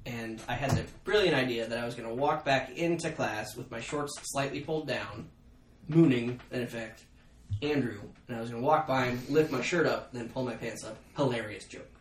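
A man's voice: medium pitch, brisk, roomy sound, recorded from a distance, slight background noise. A young adult man hosting a podcast, telling stories about his youth in a self-mocking, laughing way. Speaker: podcast host. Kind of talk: casual storytelling chat.

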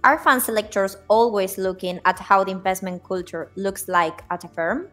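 A woman hosts an interview podcast at a mid-range pitch, reading her introductions formally. Her questions come out a bit halting, with repeated words and "uh" fillers. Faint music plays beneath her voice. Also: steady tone, fairly bright tone. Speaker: podcast host. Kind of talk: scripted podcast hosting.

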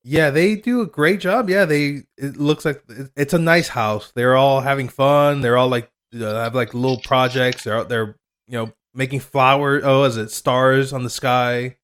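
A man's voice: medium pitch, normal speed, fairly bright tone. Laughing, rambling male podcast host. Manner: rambling, laughing, swearing casually. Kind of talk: casual chat recapping a TV show.

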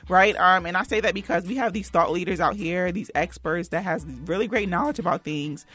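A woman's voice: fairly low pitch, brisk, a bit bright, breathy edge, soft background music. Young woman guest talking loosely. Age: young adult. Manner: loose and conversational, many fillers and restarts. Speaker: PR consultant, interview guest. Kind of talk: casual interview talk.

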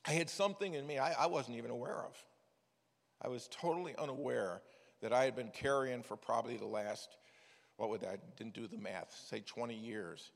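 This sermon comes from an older preacher who once directed missions, speaking fairly quickly in a medium-pitched voice with vocal fry. He tells folksy stories and restarts often, and his words ring out in a hall with long reverb.

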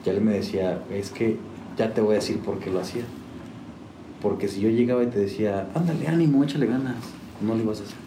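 Talking quickly in a fairly low, flat voice, this man rambles through casual stories as a musician guest, restarting often and using many fillers. The room is echoey, with faint noise.

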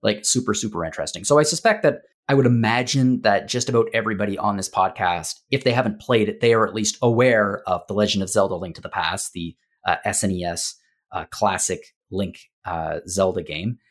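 Low-voiced guy hosting a podcast, rambly and self-deprecating, echoey empty room. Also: brisk. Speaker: podcast host. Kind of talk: casual podcast chat. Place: empty new home office, bare walls.

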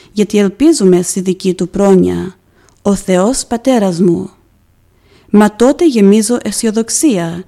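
Warm-voiced woman reading a devotional. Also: medium pitch. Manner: measured, solemn reading with emphatic pauses. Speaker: podcast presenter. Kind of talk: scripted devotional narration.

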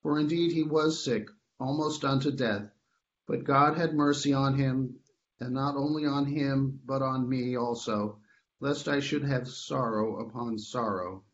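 A man giving a formal, measured scripture reading as the lesson reader in a church service. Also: medium pitch, steady tone. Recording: dull lo-fi sound.

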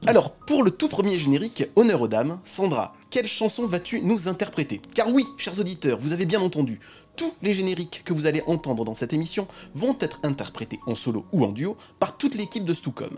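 A man's voice: sits high, big pitch swings, fairly quick, darkish tone, faint music behind. A man hosting a podcast with a honking, duck-like voice from being sick, presenting in a playful, theatrical way. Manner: theatrical, joking. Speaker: podcast host.

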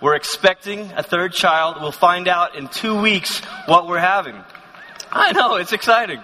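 Male conference speaker, thirties, from Malaysia; slightly high, chatty and self-deprecating; large reverberant hall. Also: measured pace, sharp tone. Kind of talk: sermon, personal storytelling.

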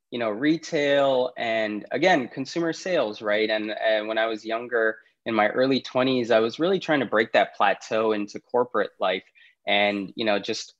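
Through a muffled recording, a man from Pakistan with a medium, slightly bright voice talks comfortably as a podcast guest. He's a startup CEO, and laughter keeps breaking in between his ideas during the relaxed interview.

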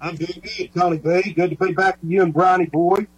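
A man's voice: sits high, fairly even intonation, fairly quick, breathy edge. Man sounding muffled, as if through a wall. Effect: muffled and distant, as if heard through a wall. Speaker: sports radio co-host. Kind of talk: sports radio chat.

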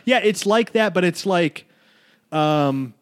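A man's voice: sits high, lively intonation, takes it slowly, smooth. A man co-hosting a podcast, chatting loosely about films and rambling, with frequent swearing. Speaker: podcast co-host. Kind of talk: casual chat.

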